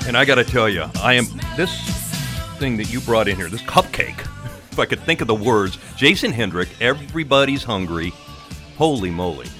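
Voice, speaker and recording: A man's voice: medium pitch, lively intonation, moderate pace, over music. A man co-hosting a morning radio talk show, playful and teasing, prone to exclamations. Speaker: radio co-host. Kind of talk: casual radio chat. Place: radio studio.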